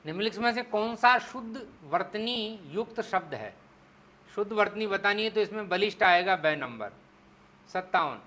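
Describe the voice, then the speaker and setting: A man teaching Hindi spelling in an exam-prep lecture, explaining step by step and slowing down to spell out syllables. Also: high-pitched, animated, sharp tone. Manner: explains step by step, asks the class "clear?".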